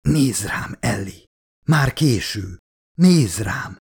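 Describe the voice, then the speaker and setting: Man voicing a dying young man, faint, rasping, quiet, audiobook. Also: mid-range voice, lively intonation, heavily acted. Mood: weak.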